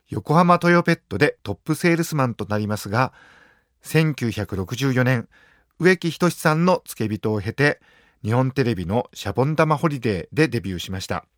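A man's voice: medium pitch, no echo. A man hosting a studio interview, courteous and attentive, reading out the guest's profile. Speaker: interview host.

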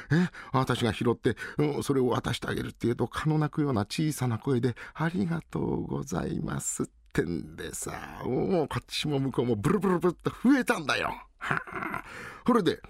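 A man's voice: mid-range voice, vocal fry, slightly rough, dry recording, studio quality, exaggerated voice. A man in a rakugo storytelling voicing a bashful, lovesick young merchant's son who talks in a shy, whiny way.

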